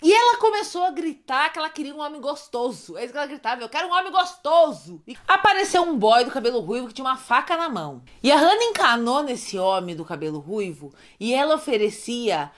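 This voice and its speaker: This high-pitched woman speaks fast with few pauses and big swings in pitch. She's a storyteller casually recapping the funny bits of roleplay streams, chatting, addressing viewers on the side, and dissolving into fits of giggles again and again.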